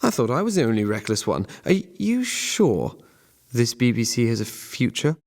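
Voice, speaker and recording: A man's voice: mid-range voice, very animated, moderate pace, no echo, clean studio sound. An actor with a Mancunian accent playing a reckless, playful 1920s male radio pioneer in an amateur radio play, speaking in a long, theatrical drawl. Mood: incredulous. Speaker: radio engineer and announcer.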